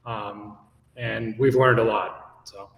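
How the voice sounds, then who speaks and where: Man, filmmaker, casual, lowish voice, distant from mic. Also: steady tone, takes it slowly, gravelly, a bit bright, reverberant, in a large hall. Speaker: documentary filmmaker. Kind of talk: panel self-introduction.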